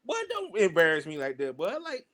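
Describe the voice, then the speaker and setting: A man's voice: fairly high pitch, wildly swooping pitch, brisk, a bit bright. A man telling stories casually and animatedly in colloquial speech, acting out the exchanges he quotes. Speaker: pro wrestler telling stories.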